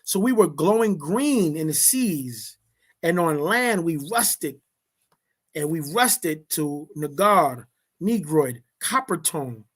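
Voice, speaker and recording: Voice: medium pitch, expressive, husky. A reader leading a study session, reading passages aloud and then explaining them in casual speech. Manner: slow, deliberate delivery. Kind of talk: reading a text aloud with commentary.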